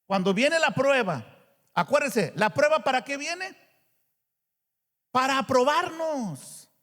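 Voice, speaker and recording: A male pastor preaching a sermon, animated and asking the congregation rhetorical questions. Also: high-pitched, big-room sound.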